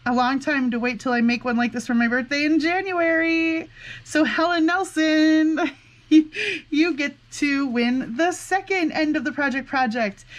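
A woman with a fairly high voice talks as the host of a casual craft vlog. She is effusive and exclamatory, rambling from one thought to the next as she chats to her viewers. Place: indoors at a desk with a laptop.

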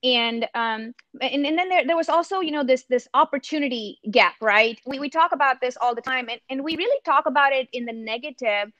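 Talking fairly quickly with few pauses, this Indian-accented woman from India has a high, sharp voice; she's a campus ministry missionary in a reflective panel talk on a video call. She's earnest and thoughtful, frequently restarting sentences. Her laptop webcam in a home room captures no room sound, with the highs cut off.

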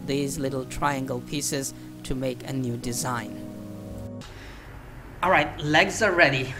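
A man talks through his woodworking project in voice-over at a slow, easy pace, pausing often as he thinks aloud. Clear background music runs under his voice. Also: on the high side. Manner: unhurried, thinking aloud, frequent hesitations. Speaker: woodworking hobbyist. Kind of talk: voice-over narration of a workshop build.

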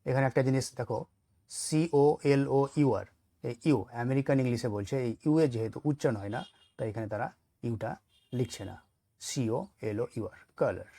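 A man's voice: medium pitch, fast, no echo. Patient male English teacher. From Bengal. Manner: patient, lists word pairs in a steady teaching rhythm. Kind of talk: vocabulary lesson for learners.

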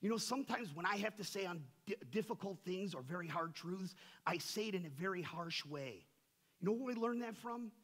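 A male pastor preaches with animated, brisk energy, swinging between loud, emphatic peaks and soft, low asides. He poses rhetorical questions to the congregation.

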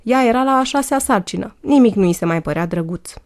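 A woman reading a first-person story aloud in a lively, wry way. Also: medium pitch. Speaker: audiobook narrator.

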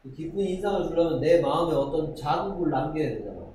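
A man's voice: a little high, fast talker, mellow, slight background noise. Man, middle-aged teacher, classroom lecture, repeats words, quizzes students, echoey room, faint ambience. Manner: repeats words, asks rhetorical questions. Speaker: middle school English teacher.

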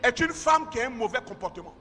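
A male pastor preaching a sermon, swinging from shouted emphasis to quiet asides. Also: extremely high pitch, expressive, fast. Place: church hall. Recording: church hall with long reverb and faint music.

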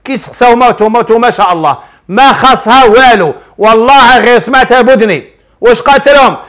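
A man with an Algerian Arabic accent and a notably high voice gives religious advice on television. He works through viewers' questions as a sheikh. His delivery is preachy and full of rhetorical questions. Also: quick pace, fairly bright tone.

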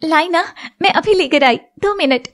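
A woman voicing a long-suffering young wife in an animated serial, soft and pleading. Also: very high voice, moderate pace. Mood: hopeful.

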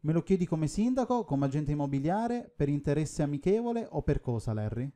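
A man reading the part of a calm police chief with a dry, measured way of speaking. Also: fairly high pitch.

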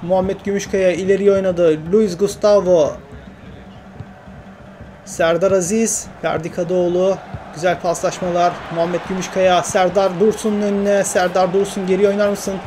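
A man commentating his own football video game career, excitable, grumbling and cheering at his own play. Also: high voice, normal speed, slight background noise. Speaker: gaming YouTuber.

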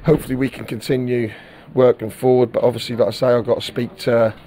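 After a match, a middle-aged football manager speaks candidly in a fast, flat, mellow voice of ordinary middle pitch. In this post-match interview he repeats words while searching for them and restarts sentences as he works through his thoughts.

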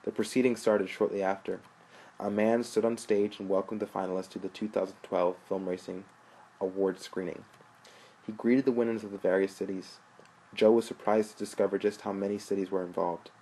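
A man narrating a story aloud in a steady, plain way. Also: lowish voice, fairly quick, husky, poor audio. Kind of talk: audiobook narration.

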